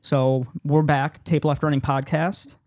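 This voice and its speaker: Guy hosting a podcast, dark mellow voice, dry close sound, casual and loose. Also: on the high side, little pitch movement, unhurried, dry recording. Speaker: podcast host. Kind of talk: casual chat.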